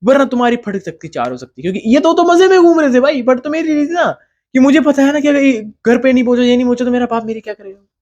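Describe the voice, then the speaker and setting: Excitable high-voiced young man telling a story. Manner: animated, dramatic, keeps saying bro. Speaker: vlogger. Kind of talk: storytime vlog.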